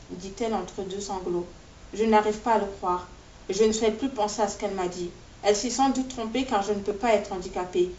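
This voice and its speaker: A woman author reading aloud from her own novel in a steady, measured way, in short phrases, in a classroom. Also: mid-range voice, slight background noise. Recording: distant, echoey, dull-sounding recording.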